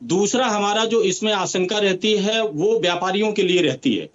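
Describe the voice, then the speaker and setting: A man's voice: high-pitched, normal speed, highs cut off. A man on a panel discussion, explaining a problem and offering a suggestion. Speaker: farmer guest.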